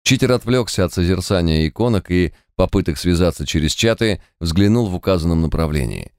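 A man's voice: low voice, fairly quick, clean tone, no echo, clean studio sound. A man narrating an audiobook, voicing each character himself. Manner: reads every character himself in an expressive audiobook voice. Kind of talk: scripted narration.

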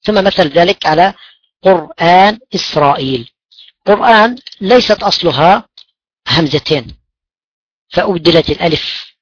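Husky male tajweed teacher, dull dry recording. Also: sits high, lively intonation, normal speed, pauses often, a bit bright, dry recording. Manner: patient, repeats key words, asks then answers questions. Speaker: Quran recitation teacher. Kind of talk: explaining tajweed rules.

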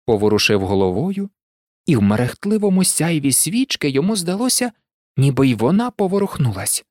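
A narrator reading an audiobook in an expressive, lively way. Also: mid-range voice, a little fast, no echo, studio quality.

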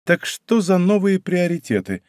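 A man's voice: high-pitched, sing-song, moderate pace, darkish tone, no echo, clean studio sound, pitched above the performer's own voice. A man voicing a persistent, curious young woman who talks in a determined way. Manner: pushy, determined.

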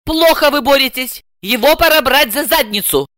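A woman voicing an excitable, bossy middle-aged housewife who talks in a shrill, indignant, fussy way. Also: normal speed, dry recording, clean studio sound, full character voice. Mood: outraged.

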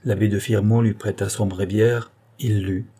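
A man narrates a classic novel in a measured, dramatic reading. His voice is low-pitched and dark. It has a slightly husky edge. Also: flat delivery. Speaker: audiobook reader. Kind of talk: scripted literary narration.

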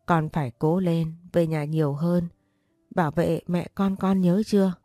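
A woman's voice: on the low side, level tone, a little slow, warm tone, no room sound, clean studio sound, faint music behind, natural voice. A woman voicing the spirit of a dead older father, tender and pleading with his family in an audio story. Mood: grieving.

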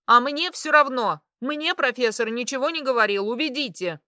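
A woman voicing a stern older hospital matron who shouts orders. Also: sits high, animated, normal speed, no room sound, studio quality, pitched above the performer's own voice. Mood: furious. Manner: shouting, bossy.

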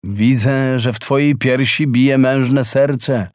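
A man voicing a wise, gentle female frigate bird in a storybook reading, speaking earnestly and slowly. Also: mid-range voice, fairly even intonation, no echo, studio quality, close to an everyday voice.

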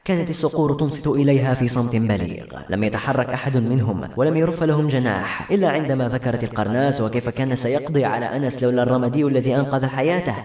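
A male narrator reads a novel aloud in a quick, expressive manner. His voice sits at a middle pitch, and the room gives the recording a clear echo. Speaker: audiobook narrator. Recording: echoey room.

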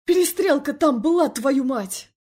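A woman doing a shouting, hot-tempered man. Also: high voice, expressive, measured pace, voice pushed up. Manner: shouting, scolding. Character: hot-tempered older brother, angry man.

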